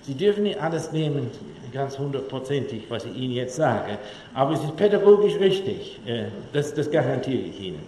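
A man giving a public lecture to an audience, telling humorous anecdotes in an animated way. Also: mid-range voice, a little fast, a little hiss or hum. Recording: echoey hall, faint room ambience.

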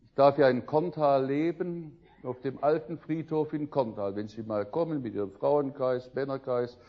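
An older man preaching a sermon, telling stories with lively swings between loud outbursts and quiet musing. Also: mid-range voice, normal speed, dull audio.

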